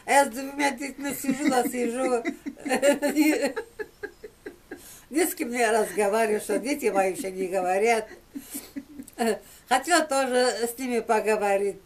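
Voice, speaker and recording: A woman's voice: a little high, normal speed. A woman in her seventies telling a casual anecdote through hearty belly laughs, recorded in a small room at home. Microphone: camera a short distance away.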